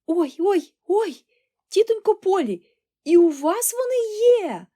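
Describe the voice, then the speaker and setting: A woman voicing an excitable, cheerful little girl who gushes and exclaims in breathless enthusiasm, in an audiobook. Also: on the high side, moderate pace, voice pushed up. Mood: excited.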